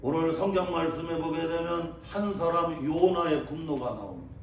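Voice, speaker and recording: Man, pastor, sermon, high voice, echoey church sound. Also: normal speed, a little hiss or hum. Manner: calls out to the congregation and repeats phrases for emphasis. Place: church sanctuary. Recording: echoey church from a distant mic.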